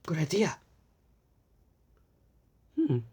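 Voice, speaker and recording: In an extremely slow, sing-song delivery, a person with a mellow, medium-pitched, slightly breathy voice reads a picture book to young children. Full of exaggerated wonder, the reader stumbles and repeats words now and then while posing questions to the young viewers.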